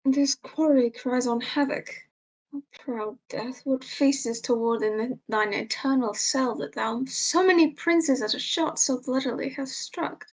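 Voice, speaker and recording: A woman's voice: high voice, measured pace, low-quality recording. A woman playing a solemn, formal young conquering prince in a verse drama. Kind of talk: amateur read-through of Shakespeare verse drama.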